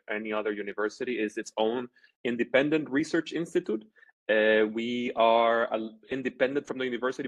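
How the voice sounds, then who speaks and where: Young man from Honduras presenting online. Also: fairly low pitch. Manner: informal, many fillers and restarts. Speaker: marketing coordinator. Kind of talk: webinar presentation. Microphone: video call.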